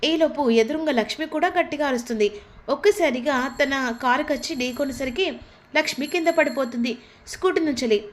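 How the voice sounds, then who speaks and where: A woman's voice: high voice, brisk. A woman casually retelling the events of a TV serial episode in a chatty storytelling manner. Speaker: story recapper.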